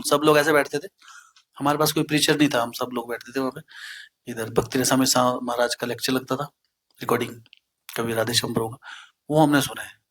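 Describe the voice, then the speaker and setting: A man's voice: medium pitch, fairly bright tone, slightly rough. A man giving a devotional talk, telling anecdotes in a conversational way and often checking in with his listeners. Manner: anecdotal, peppers speech with "है ना?" and English phrases. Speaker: preacher.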